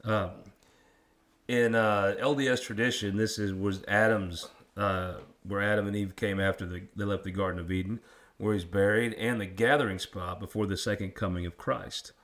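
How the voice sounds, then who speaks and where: A lower-pitched man with a rural drawl hosts a history chat. He is folksy and quick to poke fun at himself, talking casually as he asks questions. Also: fairly even intonation, a bit bright. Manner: folksy, self-deprecating. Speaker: interviewer and host. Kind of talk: casual local history interview.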